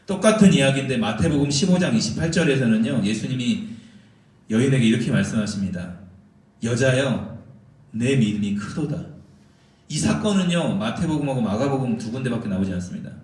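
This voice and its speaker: Animated male pastor in an echoey church. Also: medium pitch, quick pace. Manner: animated, acts out the Bible quotes. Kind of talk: sermon. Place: church sanctuary. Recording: very echoey hall, mic far off.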